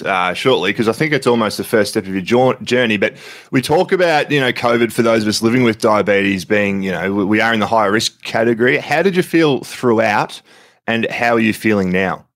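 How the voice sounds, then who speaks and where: A man's voice: fairly low pitch, fairly quick, a bit bright. An Australian man hosting a podcast interview from home, friendly and chatty, a bit throaty with covid. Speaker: podcast host.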